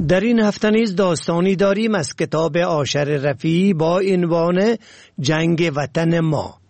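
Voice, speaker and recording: A man introducing a story on a radio culture program in a scripted, brisk delivery. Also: fairly high pitch, a little mellow, a little hiss or hum.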